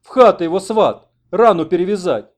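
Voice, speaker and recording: A man voicing an agitated middle-aged village man who shouts and panics. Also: fairly high pitch, very animated, moderate pace, voice pushed up. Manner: frantic, shouting.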